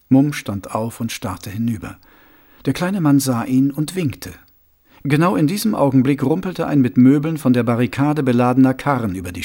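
A man narrating a novel as an audiobook in a lively storytelling manner. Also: medium pitch, vocal fry. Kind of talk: scripted narration.

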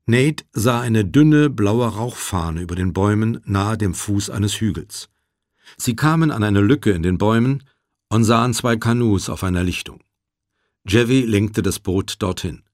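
A man narrating an audiobook in a measured, even storytelling manner. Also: lowish voice, no echo, studio quality. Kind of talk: scripted narration.

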